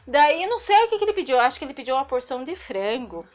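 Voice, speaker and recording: Woman, Brazilian Portuguese accent, high voice, animated storytelling, frequent laughter. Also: racing. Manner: animated, laughs often, dramatic pitch swings. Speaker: vlogger. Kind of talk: confessional storytelling.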